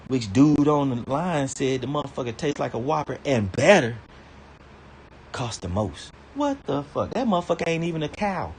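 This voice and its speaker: A man's voice: very animated, moderate pace, a little hiss or hum. A man ranting casually to camera, swearing a lot, stammering and repeating himself, his voice jumping up when he gets indignant. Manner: rambling, swears heavily, stammers and repeats words; indignant, pitch jumps high when worked up. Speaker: vlogger. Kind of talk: casual profane rant.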